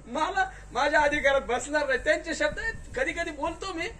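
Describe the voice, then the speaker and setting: High-pitched man preaching to a crowd. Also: a little fast. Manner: questions the audience and urges them to answer louder. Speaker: kirtankar preacher. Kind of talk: spiritual discourse. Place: large tent at a gathering. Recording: distant mic with faint noise.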